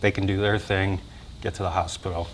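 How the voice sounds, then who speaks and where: Lowish-voiced American man, informal, faint noise. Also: flat delivery, a little fast, poor audio. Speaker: heart charity representative. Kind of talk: unscripted interview explanation.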